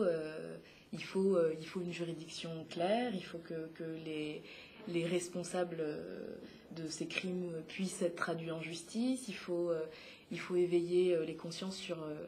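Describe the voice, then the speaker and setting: A woman in her twenties, a playwright and activist, answering interview questions haltingly with frequent filler sounds and restarts. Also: lowish voice, dark tone, slight background noise. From Congo (DRC), raised in France. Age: 20s. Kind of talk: hesitant spoken interview answers.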